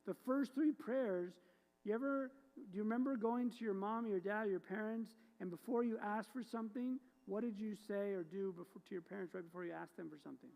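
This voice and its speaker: A woman rabbi walks her congregation through the prayers with humor, quizzing them along the way, in a synagogue sanctuary with long reverb. She speaks fairly quickly in a mellow, mid-range voice with vocal fry.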